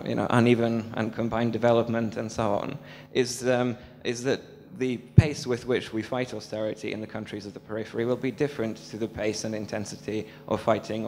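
A young man from Serbia asking an earnest question from the audience into a handheld mic, talking fast with many fillers. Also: lowish voice, flat delivery, vocal fry, a little mellow. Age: young adult. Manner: rapid and earnest, thick with fillers. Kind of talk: public Q&A question. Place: large dark hall with an audience, standing. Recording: hall reverb with a faint hum.

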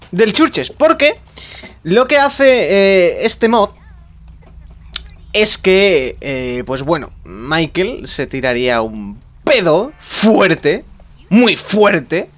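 A young man with a Spain Spanish accent doing animated, excitable game commentary for a video channel. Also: high voice, takes it slowly. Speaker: gaming YouTuber. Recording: faint background music.

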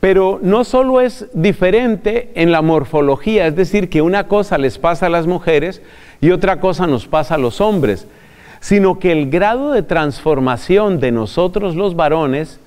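A man's voice: on the high side, darkish tone, smooth, in a large hall. A man preaching in a conversational way, speaking straight to his listeners and breaking into chuckles at his own asides. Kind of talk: recorded religious talk.

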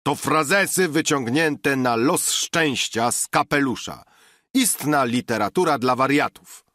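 A man's voice: mid-range voice, very animated, moderate pace, dry recording, clean studio sound, voice pushed up. A man voicing a tipsy, scornful literary connoisseur at a banquet in an audiobook. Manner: scornful, mocking.

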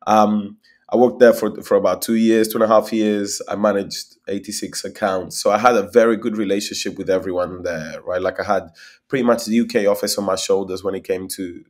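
A young Spanish company founder talks at length during a video call, often repeating words while he thinks. His voice is lowish, steady and brisk, picked up by a laptop webcam mic in a small room at home.

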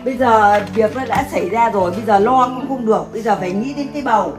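A woman's voice: on the high side, quick pace, close to an everyday voice. A woman playing an insistent, scolding mother. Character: worried mother of a pregnant daughter. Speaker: actor in a family skit. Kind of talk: amateur drama acting. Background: background music.

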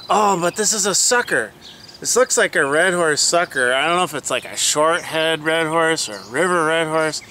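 A man in his forties, fishing from an outdoor riverbank, chatting excitedly to the camera and to the fish he catches. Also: fairly high pitch, slight background noise. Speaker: fishing vlogger. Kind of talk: casual narration while fishing. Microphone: chest-mounted action camera.

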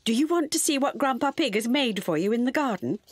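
A British woman voicing a kindly, doting elderly granny pig in a children's cartoon, gentle and singsong. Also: on the high side, animated, fairly quick, loud music behind the voice, lightly acted. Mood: playfully secretive.

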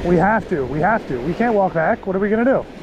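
A man's voice: high-pitched, expressive, fast talker, lo-fi sound. A young man fishing from the surf, talking in frantic, exclaiming bursts and calling his friend bro, filmed on a body camera. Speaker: fishing vlogger. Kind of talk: excited casual commentary while fishing. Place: windy ocean beach outdoors. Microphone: chest-mounted action camera. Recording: loud wind and surf noise.

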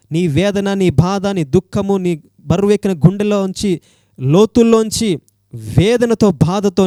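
A man's voice: on the high side, mellow, dry recording, clean studio sound. A male preacher with a Telugu accent, delivering an earnest sermon and pleading with his listeners through repeated rhetorical questions.

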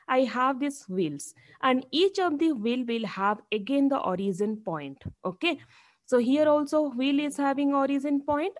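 A woman lecturer with an Indian accent and a slightly high voice. She explains step by step in a classroom lecture style, like a professor teaching from slides, and often checks in with a short tag question.

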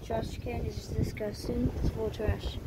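Woman vlogger with a high voice, casual walk-and-talk, keeps exclaiming in disbelief; phone mic with clear outdoor noise. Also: level tone, measured pace. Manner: astonished exclamations, repeats herself. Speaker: vlogger exploring abandoned buildings. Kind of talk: casual walkthrough narration. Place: outdoors by a roadside and inside an empty shop. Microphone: phone camera held while walking.

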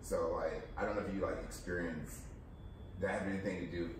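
A man's voice: low-pitched, steady tone, fairly quick. A man in his forties hosting a casual chat among friends, hesitant, full of likes and trailing phrases. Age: 40s. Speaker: host. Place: living room. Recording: echoey room, distant mic, background hum.

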